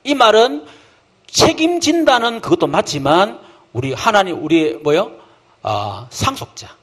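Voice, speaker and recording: Male pastor, folksy sermon delivery, husky tone with a high, lively pitch. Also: measured pace. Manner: lively, folksy preaching with rhetorical questions; acts out quoted voices of believers and children. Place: church camp hall.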